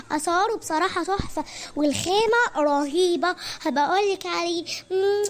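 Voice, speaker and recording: A performer voicing a dramatic, scheming Egyptian housewife, with an Egyptian accent, pleading and bossy by turns. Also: female voice, extremely high pitch, noisy background. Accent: Egyptian Arabic. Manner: whiny pleading, then bossy.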